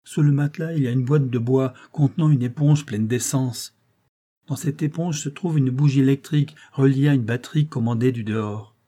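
A man's voice: mid-range voice, moderate pace, mellow, pitched above the performer's own voice, close to an everyday voice. A man reading an audiobook voicing a loyal male informant who reports eagerly and confidingly to his chief. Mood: urgent.

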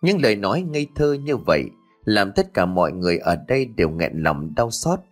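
A man's voice: on the low side, sing-song, brisk. A man narrating a scripted ghost story in an emotive, dramatic reading style. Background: soft background music.

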